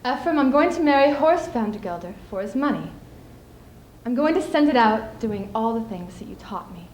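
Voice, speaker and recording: A young adult on a student speech team delivers a theatrical dramatic monologue as a spirited, scheming widow on an indoor school showcase stage, using a high, natural voice with a darkish tone and lively intonation. She speaks emphatically with deliberate, theatrical pauses, sounding tired and pleading. The echoey room carries clearly audible background noise.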